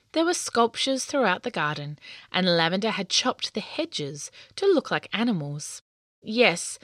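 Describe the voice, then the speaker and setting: A woman narrating a children's story in an expressive, lilting read-aloud manner. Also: medium pitch, no room sound, studio quality.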